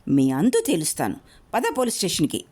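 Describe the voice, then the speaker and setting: A woman's voice: sits low, very animated, fairly quick, darkish tone, breathy edge, heavily acted. A woman voicing an outspoken young woman who accuses and scolds a man, in a storybook reading. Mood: angry.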